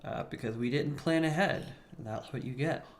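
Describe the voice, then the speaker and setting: A man's voice: mid-range voice, moderate pace, a little hiss or hum. A man co-hosting a casual live stream, joking dryly and supportive of the host.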